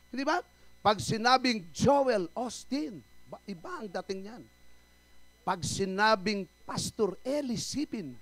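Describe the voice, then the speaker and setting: Animated high-voiced man preaching. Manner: animated preaching, quizzing the congregation with rhetorical questions; swings between loud calls and quiet asides. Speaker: pastor. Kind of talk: sermon. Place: church service.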